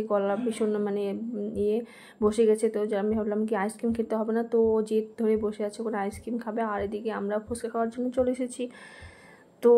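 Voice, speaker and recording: A woman's voice: fairly high pitch, dark tone. A young woman vlogger narrating casually to her viewers while walking outdoors, chatty and meandering with plenty of fillers. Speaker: vlogger, mother. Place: outdoors in a residential park.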